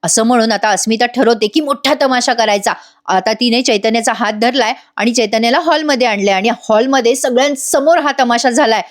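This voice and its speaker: Chatty high-voiced woman recapping a serial. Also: brisk. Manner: chatty, addresses viewers directly. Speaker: serial review narrator. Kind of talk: voice-over episode recap.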